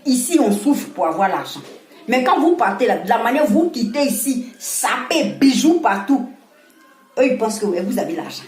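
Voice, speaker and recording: A woman with an Ivorian French accent, talking casually and scolding with animated laughs. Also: fairly high pitch, moderate pace, reverberant, slight background noise. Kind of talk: casual monologue to camera.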